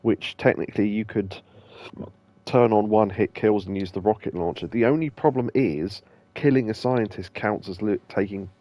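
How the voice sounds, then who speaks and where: A man's voice: fairly low pitch, moderate pace, no room sound, dull audio. Rambling man on a game stream. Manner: rambling, loose, with many ums and restarts. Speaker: gaming streamer and host. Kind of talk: casual let's-play commentary.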